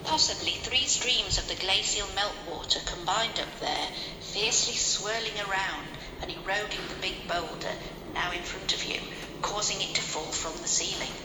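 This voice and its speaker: A woman giving a calm, scripted audio tour narration, played over a speaker and echoing through a cave. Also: medium pitch, normal speed. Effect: recorded guide played over a speaker, echoing through a cave. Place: underground cave. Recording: echoey cave with background noise.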